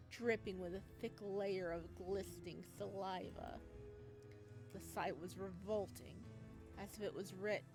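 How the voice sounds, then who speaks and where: This woman's voice sits in the mid-range as she reads a visual novel aloud. She narrates calmly yet breaks readily into animated, startled outbursts, while soft music plays behind her.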